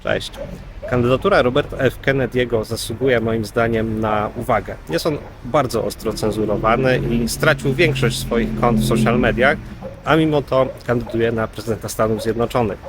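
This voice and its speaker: A man's voice: medium pitch, brisk, music in the background. A man from Poland presenting informally to viewers, earnest and a little hesitant. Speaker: video presenter. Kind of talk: informal spoken introduction to viewers.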